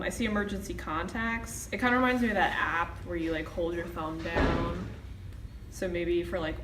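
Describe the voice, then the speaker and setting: Low-voiced eighteen-year-old woman, distant and echoey. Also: noisy background. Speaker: student.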